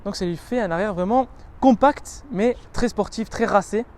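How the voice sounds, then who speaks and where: A man with a fairly high voice walks around a car and presents it in a relaxed, chatty way. He lists feature after feature, linking them with fillers, and leans eagerly into the parts he likes. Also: normal speed. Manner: chatty and descriptive, listing features with many connecting "donc"s and "euh"s. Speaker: car reviewer. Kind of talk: casual walkaround presentation of a car.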